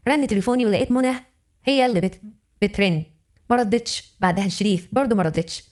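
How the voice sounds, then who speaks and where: A woman's voice: mid-range voice, fast talker, darkish tone. A woman with an Egyptian accent narrating a dramatic first-person story in an emotional, intimate way. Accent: Egyptian Arabic.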